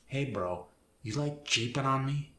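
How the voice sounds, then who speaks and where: A man's voice: medium pitch, lively intonation, measured pace, sharp tone, pitched above the performer's own voice. Drawling, swooping Valley guy. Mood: slangy, breezy. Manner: valley-girl style drawl full of "like", "dude" and rising sentence ends. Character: young, chill, dim Valley guy slacker from nineties. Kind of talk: comic character demonstration in accent lesson. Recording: roomy echo.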